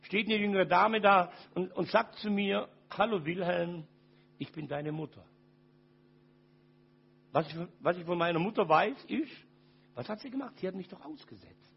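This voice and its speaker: An older man giving a personal testimony to an audience, dramatic, dropping from loud to very quiet. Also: high voice, normal speed, creaky, slightly rough, highs cut off.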